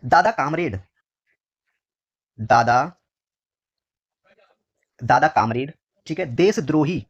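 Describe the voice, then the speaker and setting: A man from India teaching Hindi for an exam, his voice a little higher than most men's. He repeats every phrase slowly and keeps calling his listeners dear children. Each answer word lands lower than the rest. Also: animated, lo-fi sound. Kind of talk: exam question walkthrough lesson.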